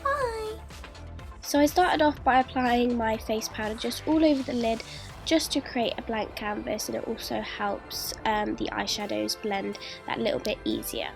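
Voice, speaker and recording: In a voice-over with clear music behind it, a young beauty vlogger with a fairly high, sing-song voice walks through a makeup tutorial step by step at normal speed. She's congested from a cold and says she's sick, but stays chatty and friendly.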